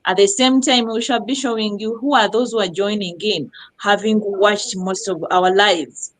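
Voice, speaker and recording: A middle-aged woman from Uganda hosting a live online talk show, lively and effusive, repeating words for emphasis. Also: mid-range voice, moderate pace, a little hiss or hum, poor audio. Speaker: host.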